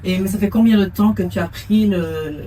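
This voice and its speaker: A woman's voice: medium pitch, normal speed, mellow, distant mic, a little hiss or hum, poor audio. A woman interviewing a guest, asking short questions and giving brief, attentive acknowledgements.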